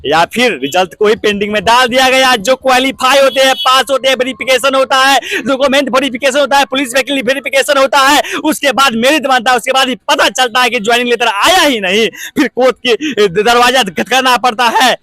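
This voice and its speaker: Guy reporting at a protest, high voice, fiery questions, dry sound. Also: a little fast, bright, forceful tone, no room sound. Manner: rhetorical questions to politicians, pleading. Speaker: street reporter. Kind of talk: impassioned on-the-spot reporting.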